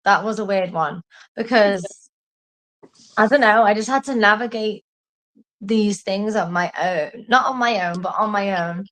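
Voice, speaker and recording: With a mid-range voice at a measured pace, a woman co-hosts a casual chat, telling animated, meandering stories where she mocks herself and swears occasionally. She has lived in Singapore and has an English family.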